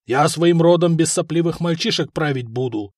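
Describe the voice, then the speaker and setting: A man's voice: a little high, normal speed, darkish tone, dry recording, natural voice. Man doing a blustering chieftain, timid underneath, raised voice, dry sound. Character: blustering, weak-willed middle-aged male chieftain.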